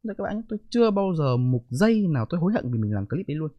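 Fast, blunt, ranting streamer man. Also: on the high side, very animated, no room sound, highs cut off. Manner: blunt, profane, defensive ranting. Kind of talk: live stream reaction commentary.

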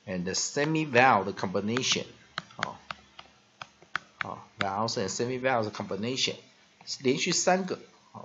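A male English teacher explaining word pronunciation in a vocabulary lesson with a Taiwanese Mandarin accent, slowly stretching out example words and dropping a filler "ha" between phrases. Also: medium pitch, highs cut off, a little hiss or hum. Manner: drawn-out repeated demonstration words, frequent filler "ha".

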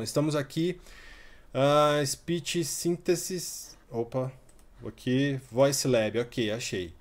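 A man in his thirties hosts a relaxed screen-recorded tutorial at an ordinary pitch. He talks loosely as he clicks around, tossing in little fillers and asides as he goes. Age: 30s. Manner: chatty, talks while clicking through a website, many fillers like "tá" and "ó". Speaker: tutorial host.

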